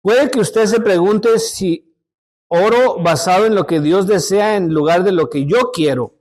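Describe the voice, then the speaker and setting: A man's voice: high voice, unhurried, a little mellow. A man teaching a Sunday school lesson, telling stories and often repeating and restarting his words as he speaks to the brothers and sisters. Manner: storytelling, addresses listeners as brothers.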